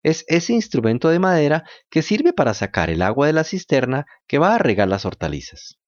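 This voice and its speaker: A man's voice: on the high side, sing-song, a little fast, no echo, lo-fi sound, voice pushed up. A man voicing a stern farmer who bargains bluntly, in a storybook reading. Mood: bargaining. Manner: blunt and businesslike.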